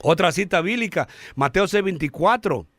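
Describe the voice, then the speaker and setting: A man giving an earnest radio sermon, calling listeners brothers, halting now and then with fillers and restarts. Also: high voice, lively intonation, a bit bright, dry recording. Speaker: radio preacher.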